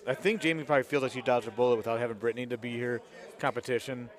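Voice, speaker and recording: A man commentates live on a golf tournament in a casual, conversational way. His voice sits at a middle pitch. He keeps it low-key, remarking on each shot and player as play goes on. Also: fairly even intonation, racing.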